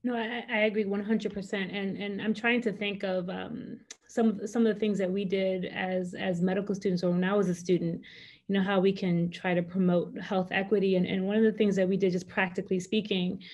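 A woman physician from the United States, a native Spanish speaker, answers during a panel discussion over a video call from her office, using a laptop camera. She offers practical advice with animated hand gestures. Her voice is medium in pitch and a little fast.

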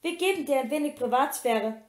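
Stern, loud father in a storybook, read by a woman; roomy sound. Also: high voice, expressive, a little fast. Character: stern, anxious father in his forties. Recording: roomy echo.

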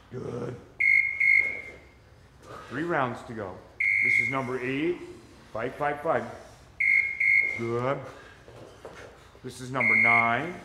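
A man leading a group fitness class, calling out moves and counts with upbeat encouragement and frequent laughs. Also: mid-range voice. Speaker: fitness instructor. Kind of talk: coaching a live group class. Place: echoey gym with a group. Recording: echoey gym room, loud background noise.

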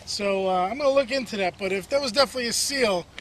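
Man in his 30s, high voice, easygoing fishing host, loose and jokey, outdoors on camera mic, faint background hiss. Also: fast, a bit bright. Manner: easygoing, joking, lots of filler words. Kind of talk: casual outdoor fishing vlog. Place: outdoors by a canal. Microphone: camera mic, medium shot.

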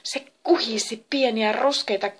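A woman reading a myth aloud as a storyteller, in a slow delivery that drifts into breathy whispers. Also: a little high. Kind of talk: storybook narration.

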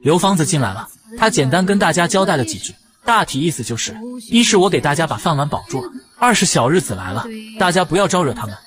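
A man narrates a television drama recap at a brisk clip. His voice sits a little high and moves up and down a lot as he tells the story. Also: very animated.

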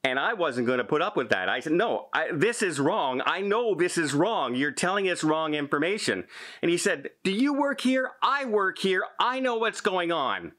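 A man's voice: a little high, sing-song, normal speed, fairly bright tone. A man in his fifties from Canada, a travel vlogger telling an exasperated story straight to camera, gesturing as he retells an argument.

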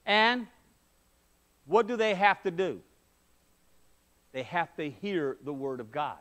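A man's voice: a little high, animated, takes it slowly, a bit bright. A middle-aged man preaching a sermon in a church sanctuary, emphatic, with rhetorical questions, on a headset mic. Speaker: pastor. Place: church sanctuary, medium-sized, indoors.

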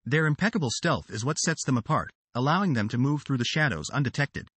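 A male narrator reads a nature documentary script with a dramatic, sweeping delivery. His pitch rises and falls in a lively way, and his voice has a husky edge. The recording is dry and close, with no room sound. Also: fairly quick, no echo.

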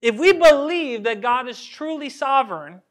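A pastor preaching a sermon in a lively, conversational way, full of rhetorical questions and little acted-out quotes. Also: male voice, extremely high pitch, normal speed. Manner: acts out everyday quotes in voices. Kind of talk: expository sermon.

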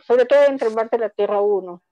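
A woman's voice: fairly high pitch, fairly quick, mellow, no echo, rough recording. A woman from Ecuador, a comic author, presenting her books in a rambling, chatty way with many restarts over call audio. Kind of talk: online book fair presentation.

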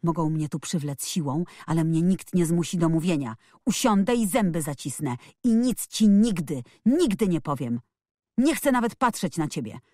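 A woman voicing a stubborn, angry young girl who shouts back defiantly in a storybook reading. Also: on the low side, expressive, normal speed, dry recording, studio quality. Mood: furious, defiant.

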